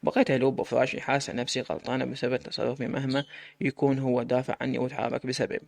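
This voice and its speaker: A man voicing a nervous, easily flustered young woman, in a storytelling recording with loud background noise. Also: medium pitch, little pitch movement, quick pace, gravelly, no echo, close to an everyday voice. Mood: troubled. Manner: nervous, self-questioning.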